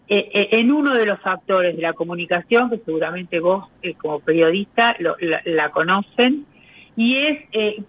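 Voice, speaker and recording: A woman, a communication specialist explaining her ideas as a guest on a radio interview, pausing often on hesitant fillers. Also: mid-range voice. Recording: tinny phone line.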